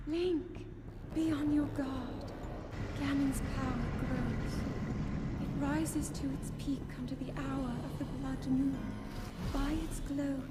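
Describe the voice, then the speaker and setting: High-voiced, earnest young princess. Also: female voice. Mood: hushed, solemn. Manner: formal, precise, earnest phrasing. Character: young princess, earnest, dutiful, strained by doubt. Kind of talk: English-dubbed fantasy video game acting.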